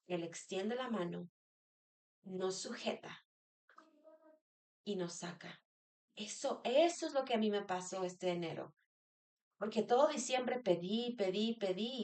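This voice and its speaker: A woman's voice: fairly high pitch, darkish tone. A woman sharing a personal devotional talk as a church member, earnest, repeating phrases and asking rhetorical questions.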